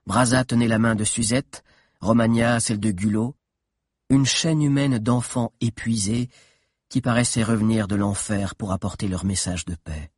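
A man reading a children's adventure novel aloud in a steady, dramatic narration with tense pauses. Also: fairly low pitch, husky, no echo, clean studio sound. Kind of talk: audiobook narration.

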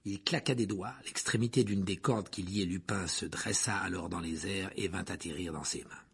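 A man reading an audiobook aloud with dramatic, lively storytelling. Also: sits low, moderate pace, vocal fry, breathy edge. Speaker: audiobook narrator.

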